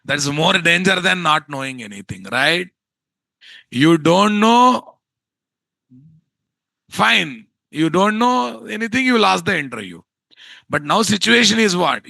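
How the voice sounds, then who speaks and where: A man with a Telugu Indian accent teaching an informal live software class in an exasperated, scolding way, often firing rhetorical questions at his students. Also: high-pitched, lively intonation, normal speed, creaky, no room sound, poor audio. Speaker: instructor of a software course.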